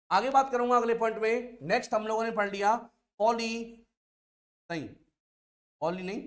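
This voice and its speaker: A man teaching an online science lesson, drilling terms by asking and answering his own questions over and over. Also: sits high. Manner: calls listeners "dear children".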